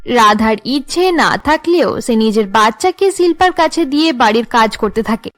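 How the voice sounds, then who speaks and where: With a high, somewhat bright voice, a woman tells a cartoon family story, laying out each scene like a storyteller. Her intonation is lively and her pace moderate.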